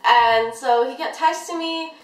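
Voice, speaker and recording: A young woman chats through a storytime video and keeps saying "like" as she rambles. Her voice sits a little high. She is heard a bit off the mic in a room full of echo. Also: measured pace, recorded from a distance. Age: young adult. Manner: chatty, rambling, heavy use of "like". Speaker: vlogger. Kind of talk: casual storytime chat.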